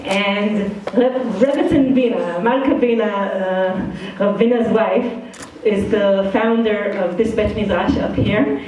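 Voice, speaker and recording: Frank, casual and self-deprecating, a middle-aged woman from Israel addresses students informally as a guest speaker in an indoor study hall, her accent part Israeli, part Brooklyn. She speaks slowly in a medium, darkish voice with hardly any pauses. There is slight background noise, and she is recorded far from the mic in a very echoey hall.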